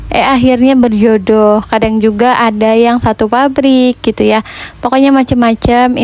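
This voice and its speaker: A woman in her late twenties, telling a personal story in a chatty, conversational way as a vlogger. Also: on the high side. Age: late 20s. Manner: chatty, conversational, with frequent fillers. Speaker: vlogger and housewife. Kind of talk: casual storytelling voice-over.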